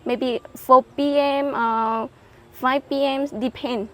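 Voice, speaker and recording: A young adult woman from Vietnam, whose first language is Hmong, chats casually as an interview guest. Her voice is high, steady and slow, and she uses simple learner English with frequent affirming yeses.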